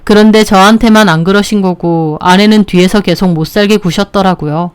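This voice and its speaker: A woman narrating a first-person story in a calm, steady storytelling manner. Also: mid-range voice, fairly quick, clean tone.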